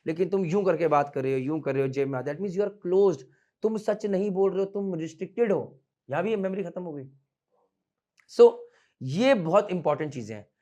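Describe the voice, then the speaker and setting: In a classroom with students standing at his back, a man in his thirties who coaches for the merchant navy teaches in a high-sitting voice. He blends Hindi and English without restraint, teases his students with playful scolding, and swings between quick and slow, loud and quiet delivery.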